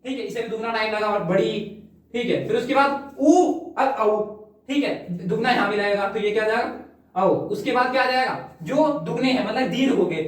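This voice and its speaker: Woman teaching in a very echoey room. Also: a little high. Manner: explains step by step, repeats "ठीक है", drawn-out sample vowels. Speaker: Hindi grammar teacher. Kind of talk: classroom lecture for exam prep. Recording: very echoey room, far from the mic.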